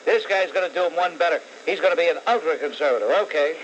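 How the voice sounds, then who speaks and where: A man hosting a call-in radio show, blunt and combative, pausing often with "uh". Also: on the high side, lively intonation, highs cut off, a little hiss or hum. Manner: blunt, combative, scolds callers; many "uh" pauses.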